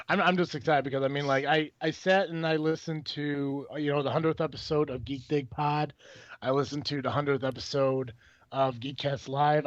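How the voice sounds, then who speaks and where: A man hosting a casual podcast, talking excitedly and rambling with many restarts and fillers. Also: fairly high pitch, no echo, muffled recording. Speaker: podcast host.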